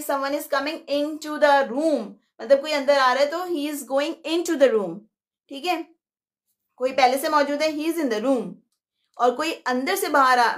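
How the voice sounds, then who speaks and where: High-voiced woman teaching slowly. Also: a bit bright. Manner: explains step by step, mixing Hindi-Urdu with English. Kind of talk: live online lesson.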